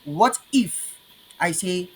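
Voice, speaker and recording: A man with a Ghanaian accent teaching his language in an online lesson, patiently repeating words slowly. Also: high-pitched, animated, noisy background.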